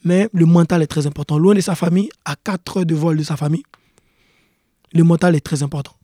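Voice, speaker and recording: Fast-talking young man, earnest. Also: fairly high pitch, steady tone, warm tone, no room sound, clean studio sound. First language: not English. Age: young adult. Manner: repeats key points, earnest. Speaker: guest, pro soccer player. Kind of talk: casual interview talk.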